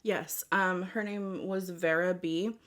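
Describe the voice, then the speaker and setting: A woman vlogger chatting casually to her viewers in an unhurried, rambling way. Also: on the low side, fairly even intonation, fairly bright tone. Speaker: mukbang vlogger.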